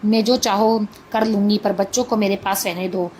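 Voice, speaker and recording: A devoted young queen and mother, earnest and dignified, as a woman reading a folk tale voices her. The voice sits at a middle pitch. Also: steady tone, moderate pace, a little mellow, slight background noise, natural voice. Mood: pleading. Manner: pleading, then resolute.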